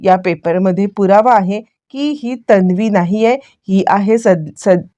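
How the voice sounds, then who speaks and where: A quick-tempered young husband, accusing and exasperated, as a woman narrator reads his lines. The tone is warm and soft-edged. The sound is dry. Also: medium pitch, dry recording, dull audio, natural voice.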